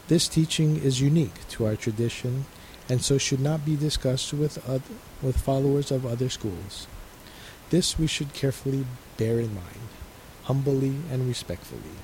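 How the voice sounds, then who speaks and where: A male resident minister giving a calm, measured radio sermon and reading a letter. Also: medium pitch, slight background noise, low-quality recording.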